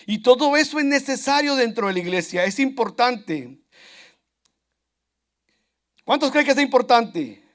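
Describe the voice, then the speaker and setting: Man, preacher, sermon, very high-pitched, earnest, repeats himself, talks straight to the congregation. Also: very animated, measured pace, pauses often, fairly bright tone. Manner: earnest, repetitive, addresses congregation directly. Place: church.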